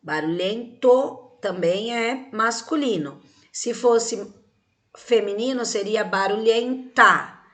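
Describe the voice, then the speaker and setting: A woman's voice: a little high, slow pace. Patient Brazilian woman teaching young children. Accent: Brazilian Portuguese. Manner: patient, explains step by step with questions and tag words; uses diminutives, speaks gently to children. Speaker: primary school teacher. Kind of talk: recorded video lesson for young children.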